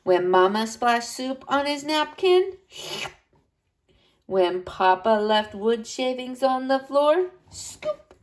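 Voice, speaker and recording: A woman reads a children's story in a high voice with big swoops of pitch. She takes her time and addresses her young listeners directly in an animated way. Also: slow pace. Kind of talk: expressive picture-book read-aloud.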